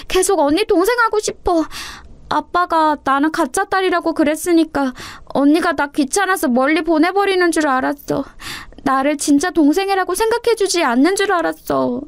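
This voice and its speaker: A woman's voice: expressive, moderate pace, no echo. A woman voicing a clingy little orphan girl who begs her big sister not to leave her. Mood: pleading. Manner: pleading, high childlike whine.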